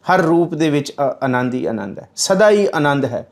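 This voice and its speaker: A man giving a religious scripture commentary, reciting verses slowly and then explaining them in plain speech. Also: on the high side, lively intonation, gravelly.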